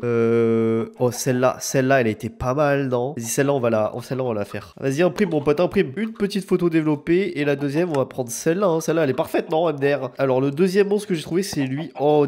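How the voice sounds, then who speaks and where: Young guy talking through a horror game, kinda high voice, cursing and yelping at jump scares. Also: a little mellow. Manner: chatty, swears often, yelps when startled. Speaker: gaming video creator. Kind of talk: live gameplay commentary.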